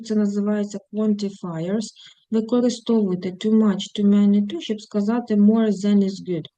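A woman's voice: medium pitch, mellow, no echo, rough recording. A woman English teacher explaining textbook exercises step by step in a recorded lesson, switching into English for examples. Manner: explains textbook tasks step by step, mixing English phrases into Ukrainian. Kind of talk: recorded online lesson walkthrough.

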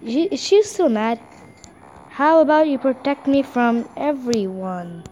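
A woman giving excitable, giggly let's play commentary, talking to herself as she plays. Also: sits high, unhurried, dull audio, a little hiss or hum. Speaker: gameplay host.

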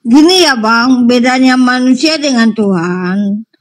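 A woman's voice: fairly high pitch, unhurried. A woman who teaches Sunday school, patiently explaining her faith through analogies in a religious debate.

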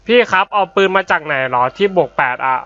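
A man's voice: high voice, lively intonation, fast, bright, forceful tone, clean tone. A young man casually commentating his online game, chatty and swearing loosely, his voice a little worn from being unwell. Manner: chatty, swears casually, frequent polite particles. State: slightly unwell voice. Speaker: gaming YouTuber. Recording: dull lo-fi audio with game music.

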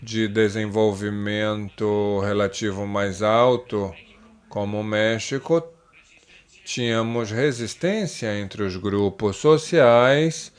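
A man giving a simultaneous interpretation voice-over of a panel discussion, measured and pausing often with fillers and restarts. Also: lowish voice, fairly even intonation, clean tone.

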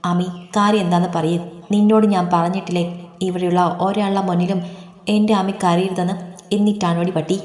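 A woman's voice: on the low side, steady tone, brisk, a little mellow, lightly acted. Woman reading as a fierce, protective young friend. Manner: scolding, blunt. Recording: echoey reverberant room.

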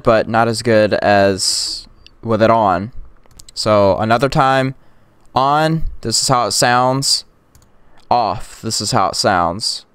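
A man's voice: medium pitch, clean tone, dry recording. A young man casually walking through a tech tutorial, rambling with lots of "like" and "um". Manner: rambling, filler-heavy, drops to whispers and yells in demos. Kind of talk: casual screen-recorded tutorial. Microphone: close USB condenser mic.

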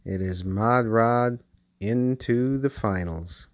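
A man giving play-by-play commentary on toy car races as the channel host, with bursts of excitement at close finishes. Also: mid-range voice, slow, slight background noise. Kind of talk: race commentary. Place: basement with toy race track.

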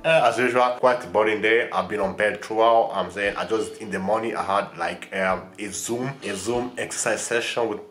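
A man's voice: on the low side, moderate pace, hardly any pauses, fairly bright tone. Young man rambling in an echoey room. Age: young adult. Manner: rambling, repeats "you know what I'm saying", playful and affectionate. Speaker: vlogger. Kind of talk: casual vlog chat. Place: bedroom during lockdown.

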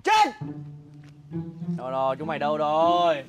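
A man shouting and teasing in excited, casual play with friends outdoors. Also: fairly high pitch, fairly quick. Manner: excited, teasing, shouts during a blindfold game. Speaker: vlog regular. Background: music.

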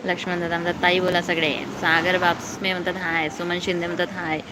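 Young woman reading viewer comments on a phone live stream outdoors; clear traffic and street noise. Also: on the low side, flat delivery, fast. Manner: reads comments aloud and answers viewers. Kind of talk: casual live-stream chat. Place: outdoors below a housing block at night.

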